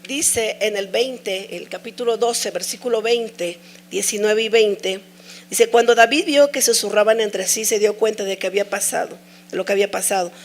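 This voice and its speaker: A woman's voice: mid-range voice, normal speed. A middle-aged woman preaching a sermon, sharing an emotional personal testimony with earnest, repeated pleas.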